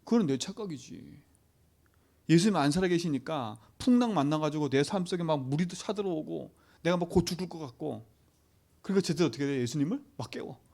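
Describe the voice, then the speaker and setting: A man's voice: on the high side, lively intonation, a little fast, vocal fry, darkish tone. A man preaching a sermon to a youth service, emphatic, who keeps asking the congregation short questions for agreement. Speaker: pastor.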